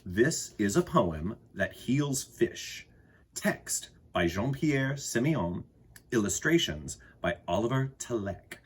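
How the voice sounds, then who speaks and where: Hosting children's story time, a man reads and chats with his young listeners, speaking straight to them with expressive enthusiasm. His husky, medium-pitched voice has a sing-song lilt, and he takes his time.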